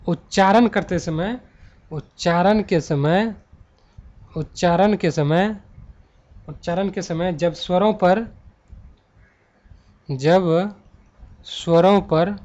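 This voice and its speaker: Male grammar teacher, high voice, slow drawn-out stress, asks and answers his own questions, dull recording. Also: darkish tone. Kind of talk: classroom-style lesson.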